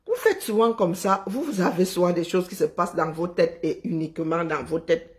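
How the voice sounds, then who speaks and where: A woman hosting a live stream, talking in an animated, sarcastic, chatty way. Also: on the low side, normal speed. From Cameroon. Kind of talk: casual live commentary.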